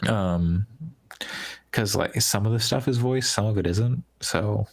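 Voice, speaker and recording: Podcast co-host, man, very low and creaky, meandering casual talk with many fillers. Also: a little slow. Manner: rambling, heavy use of "like", trailing restarts. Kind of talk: casual gaming podcast chat.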